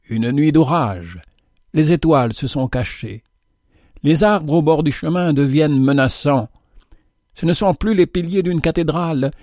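A man giving a slow, theatrical reading of a moral parable in a preacherly manner. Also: a little high, darkish tone, dry recording, clean studio sound. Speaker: narrator.

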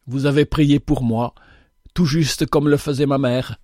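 A man voicing a gruff, remorseful male bandit leader in an audiobook, with an earnest, brusque delivery. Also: medium pitch, steady tone, measured pace, darkish tone, no room sound, clean studio sound, close to an everyday voice.

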